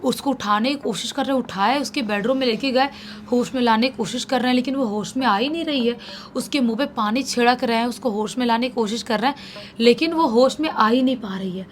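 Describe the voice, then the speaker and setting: A woman's voice: a little high, brisk, slight background noise. A woman telling a horror story in a dramatic way, mixing English words into her telling.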